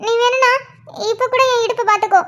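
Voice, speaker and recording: Brief: a tipsy, clingy cartoon wife, very high squeaky voice, whiny and teasing. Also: steady tone, fast talker, sharp tone, a little hiss or hum. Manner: pleading, childish, teasing.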